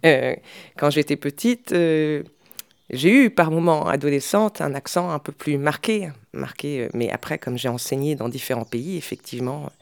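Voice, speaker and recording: A woman's voice: low-pitched, moderate pace, gravelly, dry recording, studio quality. A middle-aged woman speaking as an interview guest, in a hesitant way with frequent fillers and restarts. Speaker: guest, language specialist. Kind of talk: conversational interview.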